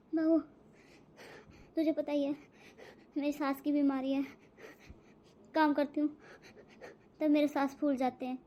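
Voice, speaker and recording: A woman's voice: high-pitched, flat delivery, a little slow, pauses often. A woman voicing a sick, frail old mother-in-law who coughs and pleads tearfully in a cartoon. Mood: pleading. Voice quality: coughing, soft weak voice. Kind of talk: cartoon voice acting.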